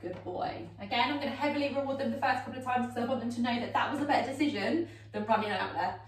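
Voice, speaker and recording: A woman runs a dog training lesson at home, talking quickly and chatting her way through each step with plenty of "um" and "okay?". She sounds a little far from the mic in an echoey room with a faint hum of ambience behind her. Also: a little high. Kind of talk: instructional demonstration. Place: home indoors.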